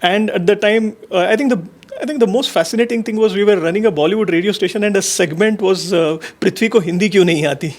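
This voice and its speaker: A man's voice: high voice, fast, few pauses. A man with an Indian accent conducting a conversational interview in a discursive, agreeable manner. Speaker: interviewer, marketing consultant.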